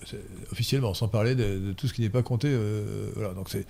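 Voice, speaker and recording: A man's voice: lowish voice, quick pace, vocal fry, darkish tone. A man hosting an interview, talking emphatically and digressively, correcting pronunciation with a pedantic streak. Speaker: host. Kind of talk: interview conversation.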